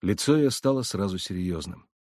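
A man narrating a classic novel in a measured, quiet, reflective way. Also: deep voice, lively intonation, no room sound, clean studio sound. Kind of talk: audiobook reading of classic prose.

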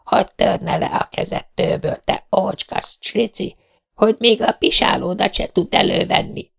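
A man's voice: fairly bright tone, full character voice. A man voicing an angry old woman who hurls insults at a driver. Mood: furious. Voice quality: gravelly, husky, high. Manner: insulting, scolding.

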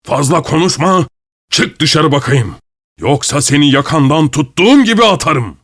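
A man's voice: fairly high pitch, lively intonation, fairly bright tone, pitched above the performer's own voice. A man voicing an old, menacing uniformed police chief with a wheezy voice. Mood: threatening. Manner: threatening, slow.

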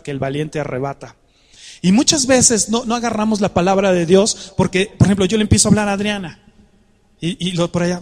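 A man preaching a sermon, animated and conversational, coaxing the congregation to join in. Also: sits high, in a large hall.

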